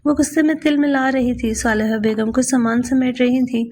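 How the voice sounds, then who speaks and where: A woman narrating a romance novel in a steady storytelling voice. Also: sits high, moderate pace, a little hiss or hum. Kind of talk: novel read aloud.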